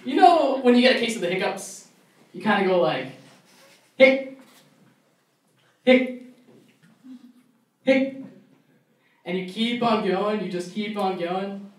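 A man's voice: high voice, expressive, moderate pace. A young man doing a stand-up comedy set at a college club show, ranting in mock outrage. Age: young adult. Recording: echoey room, mic far off, faint noise.

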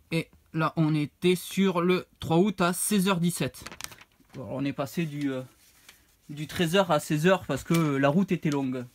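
A man, casually showing off his retro game purchases, rambling and hesitant as he reads out prices. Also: medium pitch. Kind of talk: casual unboxing vlog.

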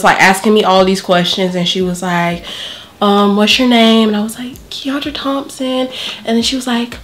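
Female vlogger, twenties, medium pitch, informal and expressive, small bedroom recording. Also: a little hiss or hum. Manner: expressive, acts out quoted exchanges. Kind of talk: casual storytelling and reaction commentary.

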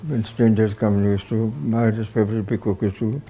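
Older man, interviewee, very dark timbre, fairly low voice, anecdotal storyteller, seated in an office. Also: flat delivery, normal speed, low-quality recording. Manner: anecdotal, acts out quoted dialogue. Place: indoor office with bookshelves.

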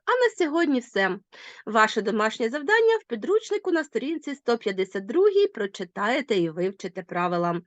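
A woman's voice: fairly high pitch, a little fast, dry recording, lo-fi sound. A woman with a Ukrainian accent teaching a recorded school lesson, asking her pupils questions as she goes. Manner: lively, addresses pupils directly with questions.

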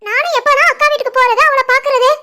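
A sulky schoolgirl in a family cartoon who begs her parents in a whiny, stubborn way. Her voice is very high and bright. She speaks with a southern Tamil Nadu accent. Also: fast. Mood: pleading. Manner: whiny pleading.

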